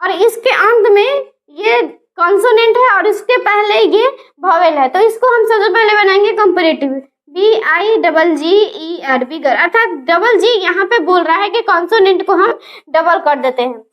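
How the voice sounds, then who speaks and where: Teacher, woman, very high voice, spells words out slowly in a grammar lesson. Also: animated, dull audio.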